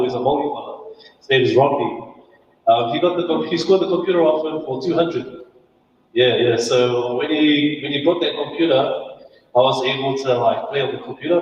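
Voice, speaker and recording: A New Zealand man with a fairly high voice gives a casual, chatty guest talk in an event hall, laughing and joking about himself. The audio is dull, recorded from a distance in an echoey hall with some noise.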